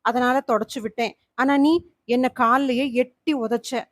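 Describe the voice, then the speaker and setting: A woman storyteller doing an anxious, pleading middle-aged husband in a horror tale, spoken fairly high and dry, close to the mic. He sounds shaken and unsure. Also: steady tone, measured pace, no room sound. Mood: worried.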